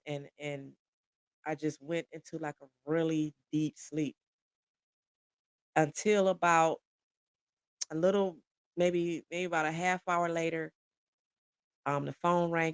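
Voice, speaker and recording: A woman from Detroit, a podcast guest, telling a personal story in an animated, conversational way. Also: deep voice, gravelly, no echo.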